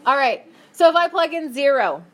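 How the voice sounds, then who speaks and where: A woman teaching a math class, brisk and upbeat, asking her students questions as she works through problems. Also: high-pitched, sing-song, fairly bright tone. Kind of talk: classroom lesson.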